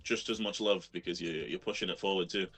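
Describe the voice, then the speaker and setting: A man's voice: low voice, fairly even intonation, a little fast, a bit bright. A man with a London accent, a guest in a casual chat, talking animatedly with lots of slang and frequent laughter. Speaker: guest battle rapper.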